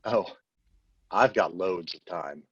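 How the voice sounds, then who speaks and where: A man's voice: low voice, slow pace, a bit bright, husky, no echo, exaggerated voice. A man reading as a weary jailed brother. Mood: resigned. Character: incarcerated adult brother writing home, weary. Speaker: play reader. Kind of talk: staged play reading. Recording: muffled lo-fi with faint noise.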